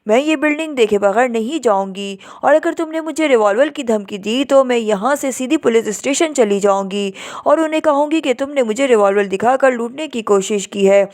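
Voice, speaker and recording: A woman voicing a cunning foreign woman posing as a building designer, soft-spoken but insistent. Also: a little high, hardly any pauses, lightly acted.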